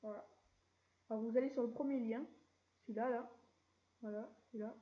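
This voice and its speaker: A woman's voice: fairly high pitch, a little fast. Chatty woman, lo-fi tutorial voice. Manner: chatty, relaxed, keeps saying "voilà" and drops mild slang. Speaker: tutorial channel host. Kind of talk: casual screen-recorded software tutorial.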